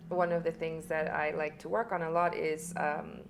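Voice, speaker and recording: A woman with a lowish voice and a gravelly fry speaks earnestly and explains things step by step. A faint hiss of background noise sits under her voice. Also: level tone, moderate pace. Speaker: somatic intimacy coach, guest. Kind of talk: casual conversation.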